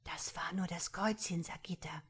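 A woman's voice: medium pitch, takes it slowly, husky. Woman voicing a whispering frightened boy. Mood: hushed. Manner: whispering, hushed.

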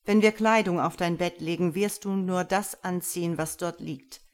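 A woman's voice: on the low side, fairly even intonation, lightly acted. A woman voicing a stern, commanding dominant man. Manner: cold, measured commands.

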